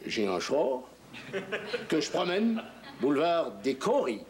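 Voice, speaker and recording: An actor playing a fussy, bewildered chef from France, with a French accent, polite and hesitant in a sitcom scene. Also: male voice, a little high, very animated, slow pace, crowd noise. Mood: puzzled. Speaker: hired chef. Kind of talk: 1970s sitcom acting. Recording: old TV audio, hiss, laugh track.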